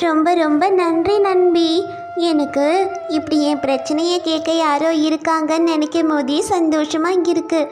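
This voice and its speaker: A woman voicing a gentle, lonely female tree in a cartoon story, speaking sorrowfully over faint music. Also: sits high, level tone, moderate pace, pitched above the performer's own voice, natural voice. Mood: sad, lonely. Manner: sorrowful, pleading.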